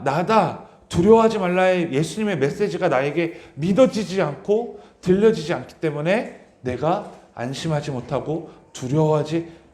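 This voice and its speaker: A man's voice: on the high side, darkish tone. A male pastor with a slightly raised voice delivers a Sunday sermon. He reads scripture and speaks earnestly to his congregation, often repeating key phrases. His words ring out through a roomy church with a noticeable echo. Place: church sanctuary.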